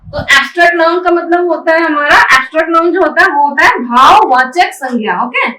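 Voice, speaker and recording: A woman teaching a spoken English lesson, her high, bright voice spelling each word letter by letter and splitting it into syllables. She keeps checking in with her students. The echoey room and the distance from the mic give it a hollow sound, with faint ambience behind her. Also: brisk. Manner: spells words letter by letter, breaking them into syllables. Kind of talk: classroom lesson in Hindi with spelled-out English words.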